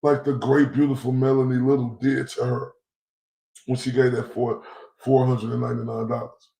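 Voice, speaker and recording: A man's voice: medium pitch, flat delivery, moderate pace, creaky, warm tone. A man from Dallas, ranting bluntly and profanely as a commentary host. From Dallas, Texas. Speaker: YouTube commentator. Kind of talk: livestream rant. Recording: roomy echoey recording.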